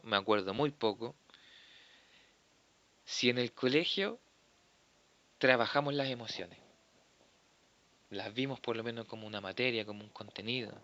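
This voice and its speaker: A man with a Chilean accent giving a philosophy class, explaining patiently and tagging his points with quick check-in questions. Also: medium pitch, bright, forceful tone, dry recording, lo-fi sound. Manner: explanatory, tags sentences with "¿cierto?". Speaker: philosophy teacher. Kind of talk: classroom lecture.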